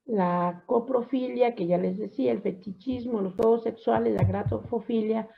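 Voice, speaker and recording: A woman psychology teacher giving a class lecture, often affirming with a soft "ujú" and asking her students questions. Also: a little high, moderate pace, vocal fry. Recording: dull lo-fi recording.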